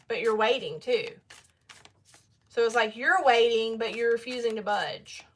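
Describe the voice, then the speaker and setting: A woman's voice: on the high side, measured pace. A young woman giving a casual tarot reading, chatty and blunt, talking straight to her viewers. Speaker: tarot reader.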